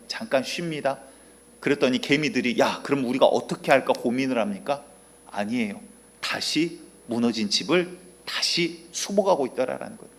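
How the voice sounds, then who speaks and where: Man, pastor, sermon, conversational storytelling, frequent fillers, middle pitch.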